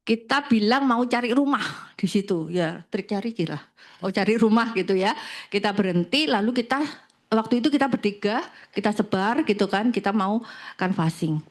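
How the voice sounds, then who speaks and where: A woman guest who works as a financial planner, telling animated anecdotes in casual conversation and laughing often. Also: medium pitch, normal speed. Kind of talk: conversational storytelling.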